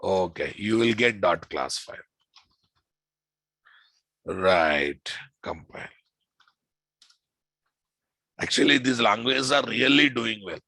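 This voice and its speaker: A man's voice: on the low side, a little slow, creaky, pauses often, bright, forceful tone, no echo, rough recording. A man with a Telugu Indian English accent lecturing informally as a programming instructor, emphatic, repeating phrases and often checking with the class through questions.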